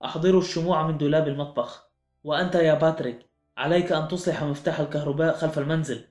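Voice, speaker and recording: A man's voice: fairly high pitch, steady tone, very fast, natural voice. A man reading as a stern older Englishwoman. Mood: sharp. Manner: sharp, commanding. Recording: echoey room with faint music.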